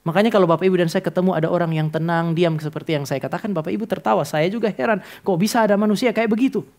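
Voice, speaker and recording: Guy pastor giving a sermon in church, kinda high voice, talks right to the congregation. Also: very fast, a little mellow. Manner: addresses congregation directly, tells stories with acted dialogue.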